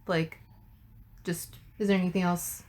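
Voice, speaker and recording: A woman's voice: on the low side, little pitch movement, unhurried, a little mellow. A young woman conducting an oral history interview, asking questions tentatively with many fillers.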